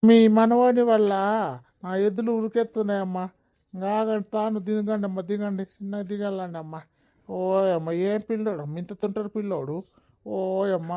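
A woman's voice: mid-range voice, steady tone, brisk, close to an everyday voice. A woman playing a busy village bullock-cart driver, calling to the bullocks and scolding the children in a comedy skit. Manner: shouts calls at bullocks, chides the children.

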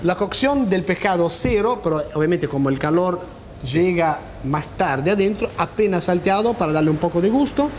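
A man's voice: high-pitched, animated, a little fast. A middle-aged man with an Argentine accent, a chatty cooking and travel host presenting casually with frequent interjections. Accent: Argentine Spanish. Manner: chatty, interjecting, repeats others' words. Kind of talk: casual presenting, switching between Spanish and Italian. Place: hotel and large professional kitchen. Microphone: lapel. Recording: clearly noisy location sound.

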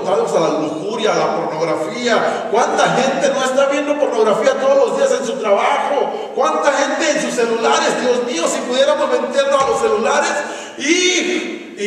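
A man preaching a sermon as pastor, animated and rhetorical, calling out to the congregation. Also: very high voice, moderate pace. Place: church hall. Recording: echoey church hall from far off.

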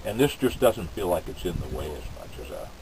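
Very deep-voiced man talking around a pipe. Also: a little fast, gravelly, background noise. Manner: relaxed, musing, chuckles between thoughts. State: talking with a pipe clenched in his mouth. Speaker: pipe-smoking vlogger. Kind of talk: casual rambling monologue to camera.

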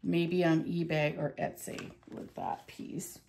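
Heavy background noise surrounds this middle-aged woman's low, creaky voice, which is slow and sing-song. An antique reseller, she casually shows off thrift store finds in a show-and-tell vlog. She chats hesitantly, with lots of fillers.

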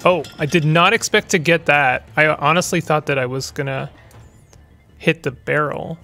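A man hosting a gaming channel, talking through his play in rambling, chatty commentary full of stumbling restarts. His voice sits somewhat high for a man, with faint game music underneath. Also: normal speed, pushed and bright.

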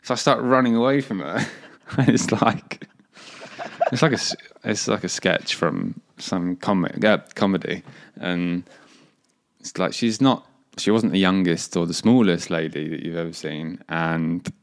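Young English male podcast guest, deep and low, easygoing, rambling storyteller. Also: a little slow. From England. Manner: laid-back, rambling, laughs while telling stories. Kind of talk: casual storytelling chat.

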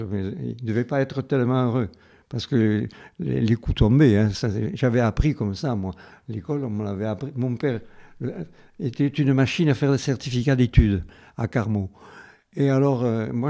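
Older man, nineties, southern French accent from Carmaux. Retired teacher reminiscing, halting yet emphatic, mellow tone. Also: medium pitch, gravelly. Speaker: retired schoolteacher. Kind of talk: reminiscing interview.

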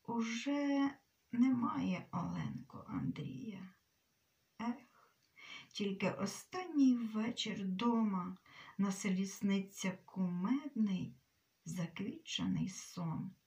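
Slow, hushed woman reading a story. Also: mid-range voice, expressive, creaky, recorded from a distance. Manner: slow, often sinking to a whisper. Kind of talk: literary reading.

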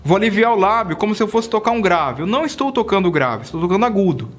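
A man's voice: high voice, very animated, fast talker. A man, teaching saxophone in a casual video lesson, chatty and constantly checking in with the viewer. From Brazil. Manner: chatty, checks in often with "tá?" and "cara".

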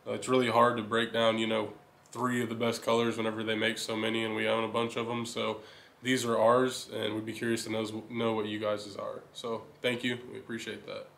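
A young man hosting a fishing channel, giving a steady, enthusiastic rundown of his lures in a casual chat. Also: on the low side, brisk, gravelly. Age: young adult. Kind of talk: casual gear talk to camera. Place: indoor living room.

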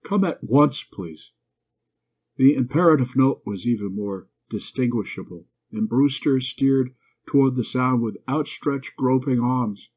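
A man reading a love story aloud as narrator, in a measured, even way. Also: medium pitch. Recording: dull lo-fi recording.

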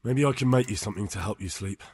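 A man's voice: fairly low pitch, fast talker, a little mellow, husky, dry recording, studio quality. A male actor voicing an earnest young medieval commoner in a video game, plain and direct. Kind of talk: video game dialogue acting.

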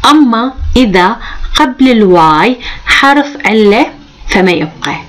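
A woman with an Iraqi Arabic accent teaching an exam-prep English grammar lesson. She is patient, often checks with "okay", and reads the English examples slowly and clearly. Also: a little high, expressive, low-quality recording. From Iraq.

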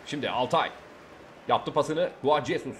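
A young man with a Turkish accent giving excited let's-play commentary, shouting at the game and talking to his viewers. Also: mid-range voice, unhurried, a little hiss or hum. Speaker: gaming YouTuber.

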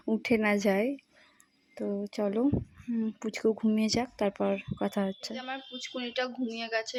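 A young woman, a mother of a baby, narrating her day at home for her vlog viewers in a quick, chatty way. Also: mid-range voice.

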